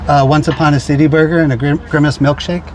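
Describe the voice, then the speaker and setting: A man's voice: on the high side, little pitch movement, quick pace. A man ordering food at a drive-through from his car, repeating his order with hesitant fillers. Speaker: food review vlogger. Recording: noisy car ambience. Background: car and street noise.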